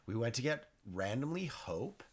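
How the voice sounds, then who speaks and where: A man's voice: medium pitch, sing-song, moderate pace. A man co-hosting a podcast, chatting casually and teasing playfully. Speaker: podcast co-host. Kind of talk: casual chat.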